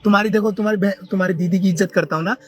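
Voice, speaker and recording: A man's voice: high-pitched, fairly even intonation, rapid-fire, husky, faint music behind. A young man acting a harried husband who pleads with his wife's younger sister, refusing her and begging forgiveness. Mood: pleading. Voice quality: pleading, flustered. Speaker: vlogger acting in a skit. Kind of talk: scripted family drama skit.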